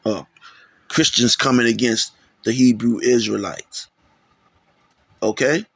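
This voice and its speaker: A man's voice: medium pitch, takes it slowly, creaky, a bit bright, breathy edge, no room sound. A man hosting a religious commentary on videos, rambling and often checking in with "man" and "okay?". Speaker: channel host.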